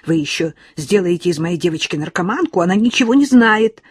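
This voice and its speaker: A woman reading an audiobook, voicing a shrill, overprotective middle-aged mother who snaps at a visitor. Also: lively intonation, normal speed, breathy edge, no room sound, clean studio sound. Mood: angry. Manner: loud, sharp and cutting.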